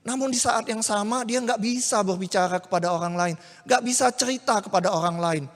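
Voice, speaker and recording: A male preacher with a high voice tells a story animatedly, turning often to his listeners. He speaks in a church hall whose long reverb trails each phrase. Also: brisk. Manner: animated, addresses listeners directly. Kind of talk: sermon with storytelling.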